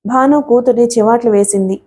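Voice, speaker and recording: Female audiobook narrator, slightly high, soft mellow tone, steady storytelling read. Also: brisk. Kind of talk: scripted narration of a novel.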